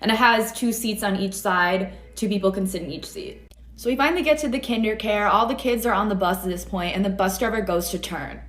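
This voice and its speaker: A woman's voice: medium pitch, a little fast, a bit bright. A young woman from the United States telling a school story in a chatty, wry way. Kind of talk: casual storytime. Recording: roomy echo.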